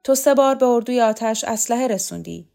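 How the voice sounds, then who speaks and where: A woman's voice: on the high side, creaky, mellow, pitched above the performer's own voice. A woman voicing a cold, domineering female commander who barks harsh, clipped orders, read in a storybook. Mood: cold, proud.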